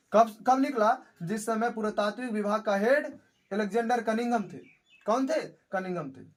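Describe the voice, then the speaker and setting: A young male tutor speaks in a very high voice. He drills exam facts by asking questions and answering them himself. The delivery is repetitive and plain, aimed at students cramming for tests. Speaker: teacher. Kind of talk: exam-prep lesson.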